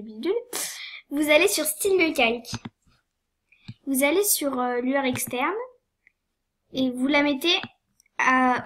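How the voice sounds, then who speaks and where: A young woman with a cold walks through a tutorial, hesitant, with many fillers and apologies. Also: sits high. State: sniffly with a cold. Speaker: tutorial maker. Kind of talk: screen-recorded game tutorial.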